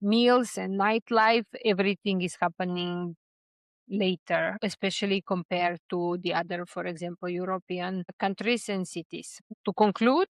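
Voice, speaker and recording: A woman's voice: fairly low pitch, steady tone, unhurried, dry recording. A young woman from Serbia giving expat life tips in a casual explainer to camera, with frequent fillers and restarts.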